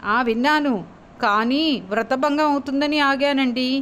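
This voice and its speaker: A woman's voice: sits high, moderate pace, a bit bright, pitched above the performer's own voice. A woman voicing a sweet-talking, teasing young wife in a spoken story, her tone sugary and mock-pleading. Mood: coaxing, pleading.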